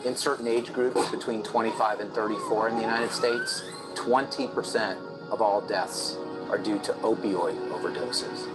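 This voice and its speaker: A man giving an explanatory documentary interview in a measured, emphatic manner. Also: lowish voice, rough recording. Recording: music bed behind voice.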